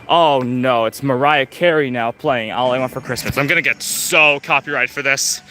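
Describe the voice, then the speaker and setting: A young vlogger livestreams a theme park walk on a handheld phone outdoors, rambling and chatting with lots of fillers while out of breath. His mid-range voice moves at a moderate pace, with slight background noise and loud park music playing.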